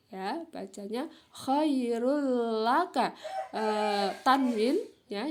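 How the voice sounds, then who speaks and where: Slow high-voiced woman teacher. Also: a little mellow, slight background noise. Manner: slow, explains then models each example. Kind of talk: Quran recitation lesson.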